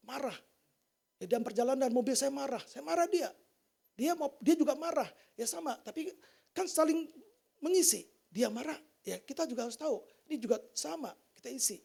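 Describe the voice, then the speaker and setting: A man giving an informal sermon testimony to a church congregation, talking in a colloquial, animated way and asking the listeners many rhetorical questions. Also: extremely high pitch, gravelly, breathy edge. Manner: colloquial, slangy delivery. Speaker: church preacher.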